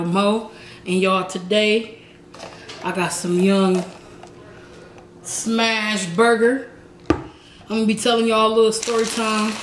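A woman's voice: mid-range voice, a little hiss or hum. A young woman chatting casually in slang while she eats for her vlog. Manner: slangy, chatty, talks between bites. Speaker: mukbang vlogger. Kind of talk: casual eating vlog chat. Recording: roomy echo.

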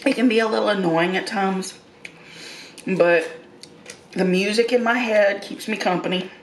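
A woman's voice: medium pitch, steady tone, moderate pace. A middle-aged woman chatting casually in a rambling, folksy way as host of an eating show. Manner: folksy, colloquial phrasing. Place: small room indoors. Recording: roomy echo with faint background noise.

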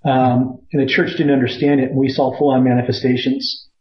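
A man's voice: mid-range voice, level tone, fairly quick, husky, dull audio. A man hosting a podcast, reading an account aloud with wry, joking asides. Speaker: podcast host.

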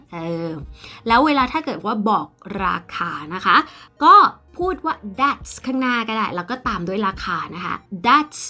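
A young Thai woman teaching English in a casual video lesson, explaining in Thai and saying English phrases slowly and clearly. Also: medium pitch, sharp tone. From Thailand.

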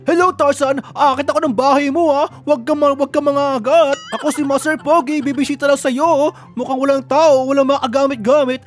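Very high-voiced playful man gaming. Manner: playful, boastful, shouts attack names, laughs often. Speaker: gamer. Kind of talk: gameplay commentary. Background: game music.

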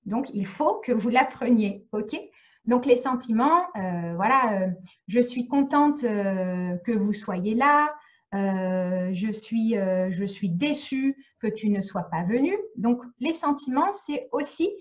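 A woman's voice: fairly high pitch, lively intonation, takes it slowly. French teacher woman on a lo-fi video call. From France. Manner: clear, patient explaining with frequent "ok?" checks. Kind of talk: live online French lesson.

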